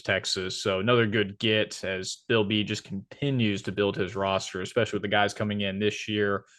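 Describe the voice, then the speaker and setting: Low-voiced male co-host, dry sound. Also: fairly bright tone, no room sound. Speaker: podcast co-host. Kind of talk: casual sports chat.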